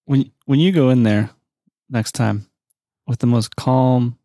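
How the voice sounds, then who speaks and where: A man's voice: medium pitch, slow, dark tone, dry recording, studio quality. A man hosting a podcast, joking with friends and steering the chat along. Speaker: podcast host. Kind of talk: casual chat.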